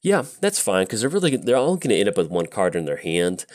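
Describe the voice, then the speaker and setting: A man's voice: on the low side, a little fast, no room sound, clean studio sound. A man hosting his channel, chatting casually through a card game with rambling stories and many fillers. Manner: rambling, relaxed, lots of fillers.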